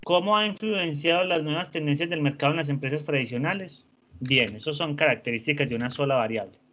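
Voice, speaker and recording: A man teaching an online class, patient and encouraging, often softening words with diminutives. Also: on the high side, a little fast. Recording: dull lo-fi sound.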